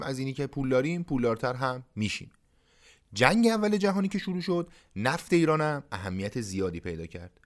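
A man hosting a storytelling podcast, narrating from a script in a conversational tone with casual asides. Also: medium pitch. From Iran. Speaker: podcast host.

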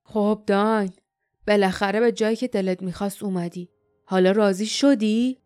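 A woman voicing a stern, cool-headed older male leader, speaking calmly and gruffly with a dry, sardonic edge. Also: mid-range voice, no echo, soft background music, natural voice.

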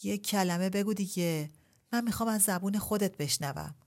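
A woman voicing a young husband who speaks in a low, hushed, slow and wheedling way, leering and insistent. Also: steady tone.

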